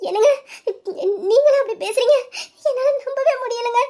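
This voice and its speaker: Woman voicing a very high-pitched tearful mother. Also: moderate pace, warm tone. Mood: astonished. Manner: sobbing, pleading, deferential. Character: tearful pleading mother, middle-aged housewife. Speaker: wife and mother Lakshmi. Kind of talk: audio drama acting.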